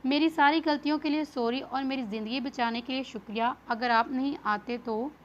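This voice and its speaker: Woman reading a shy, halting young woman. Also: high-pitched, lightly acted. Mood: shy apologetic. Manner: hesitant, halting, apologetic. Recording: dull lo-fi with faint hiss.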